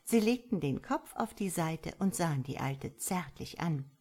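A woman narrating a storybook in an expressive, unhurried way. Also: lowish voice. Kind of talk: storybook reading.

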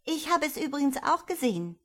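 Lady doing a gossipy little sister, high voice. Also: sing-song, brisk. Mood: tattling. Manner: tattling. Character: gossipy teasing young sister.

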